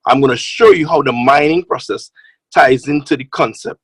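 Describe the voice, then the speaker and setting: A man giving an excited, exhorting motivational talk as a guest speaker on a conference call. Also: mid-range voice, moderate pace, slightly rough, dry recording, rough recording.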